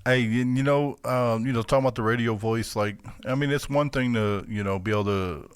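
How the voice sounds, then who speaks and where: A man's voice: mid-range voice, a little fast, clean tone, no room sound, clean studio sound. A young man in his twenties hosting a casual podcast chat, upbeat and emphatic, with lots of fillers. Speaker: podcast host.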